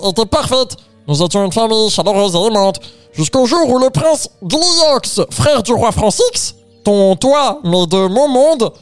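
A man voicing a small green alien creature with a slow, mock-grave delivery. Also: high-pitched, expressive, smooth, faint music behind. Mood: solemn.

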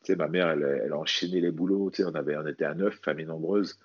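As a guest in a casual interview, a French Guianese bodybuilder and athlete shares earnest personal testimony about himself, frequently repeating words. He talks very fast in a rumbling low voice with a breathy edge and fairly even intonation. The recording is muffled.

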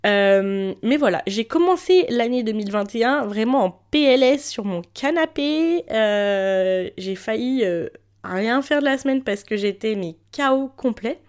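A woman's voice: on the high side, animated, measured pace, darkish tone. Woman podcaster with a thick, swollen-tonsils voice. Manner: informal, motivational, addressing listeners directly. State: sick with a throat infection. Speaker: podcast host. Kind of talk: casual solo podcast talk.

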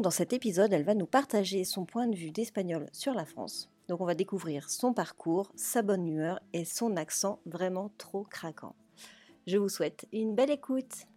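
A woman's voice: lowish voice, mellow. A woman hosting a family travel podcast, introducing the episode and her guest in an upbeat, enthusiastic way. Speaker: podcast host. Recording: faint music behind the voice.

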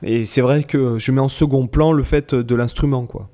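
A man's voice: medium pitch, steady tone, moderate pace, warm tone. A man hosting a podcast in casual chat, rambling and hesitant, often repeating words as he goes. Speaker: podcast host.

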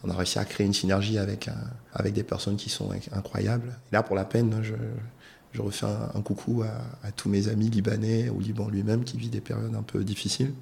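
Male entrepreneur, low gravelly voice, measured and hesitant delivery. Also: little pitch movement, a little mellow. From Côte d'Ivoire. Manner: measured, explanatory, many hesitations. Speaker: entrepreneur guest. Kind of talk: casual interview talk.

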